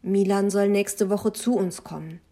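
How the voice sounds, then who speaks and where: A woman voicing a reserved man who speaks calmly and measuredly in an audiobook. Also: mid-range voice, a little slow. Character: calm reserved man with dark velvety voice.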